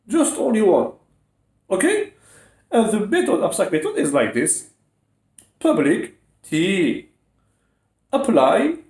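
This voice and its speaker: A man's voice: sits high, darkish tone. A man giving a step-by-step programming lesson in non-native English phrasing, dictating code symbol by symbol and often checking in with short questions. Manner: frequent rising check-in questions. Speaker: programming tutor. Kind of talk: step-by-step coding lesson, spelling out code aloud. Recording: echoey room.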